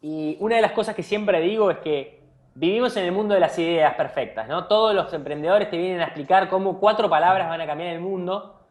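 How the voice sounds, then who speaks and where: This startup CEO is a man from Argentina with an Argentine Spanish accent, talking a little fast in a high-pitched voice. Answering interview questions, he offers earnest advice and keeps restarting his thoughts.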